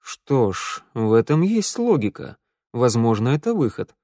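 A man reading an audiobook voices a grave, stern masked warrior who speaks in a measured way. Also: mid-range voice, sing-song, warm tone, dry recording, clean studio sound.

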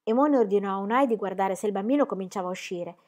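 A woman reading a historical novel aloud as a first-person audiobook narration, soft and measured. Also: mid-range voice.

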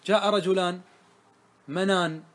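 A man's voice: sits high, steady tone, unhurried, fairly bright tone. A man teaching grammar in a classroom lesson, quizzing his students again and again. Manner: quizzing students with repeated questions.

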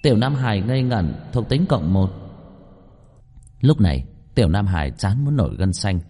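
A man narrates a novel with a low, mellow voice. His pitch moves in lively swings as he tells the story. A long reverb hangs on every phrase. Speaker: audiobook narrator. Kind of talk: scripted narration.

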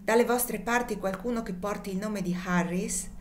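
A woman's voice: mid-range voice, normal speed, a little hiss or hum, close to an everyday voice. A woman reading the part of an anxious, emotional French lady in an audiobook, with an earnest, pleading delivery. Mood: questioning.

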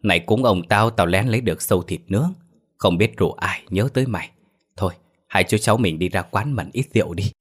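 A jovial old village man, coaxing and folksy, talking a little louder than usual, as a deep-voiced male storyteller puts him on. He speaks in a low register with a rough, homely warmth. It suits a spoken village tale. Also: brisk.

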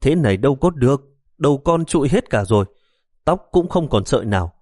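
A man's voice: medium pitch, lively intonation, measured pace, darkish tone, dry recording, studio quality, close to an everyday voice. A man voicing a fussy, worried old mother who nags and scolds her grown son. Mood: frantic worry. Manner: scolding, fretful.

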